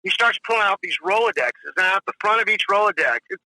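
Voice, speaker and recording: A man in his forties, a drummer appearing as a guest, tells rambling stories in a casual interview, peppering them with "you know" and "if you will." His voice sits high and moves quickly with a sharp tone, and the recording quality is low.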